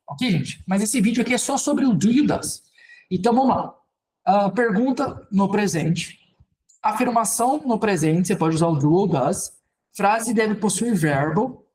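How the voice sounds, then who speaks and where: A Brazilian man teaching English grammar in Portuguese, explaining step by step in a relaxed, conversational way and often checking in with "ok, gente". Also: sits high. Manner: conversational, repeats "ok, gente" and "então". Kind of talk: casual spoken lesson at a board.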